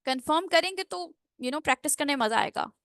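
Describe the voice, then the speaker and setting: High-voiced woman teaching pronunciation. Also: expressive, a bit bright, no echo, clean studio sound. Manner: drills phrases slowly, syllable by syllable; mixes English into Hindi explanations. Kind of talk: online class lecture.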